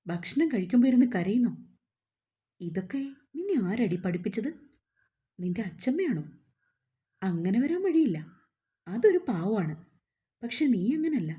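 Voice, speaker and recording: Woman doing a young husband, commanding, slurring, dark mellow voice. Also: medium pitch, big pitch swings, normal speed, long pauses, lo-fi sound, close to an everyday voice. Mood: stern. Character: young husband, teasing then drunk and domineering.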